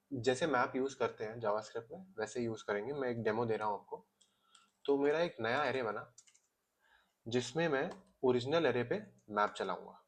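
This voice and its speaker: Male coding tutor, mid-pitched, steady step-by-step explainer, Hindi with English terms. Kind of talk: casual screen-recorded coding lesson.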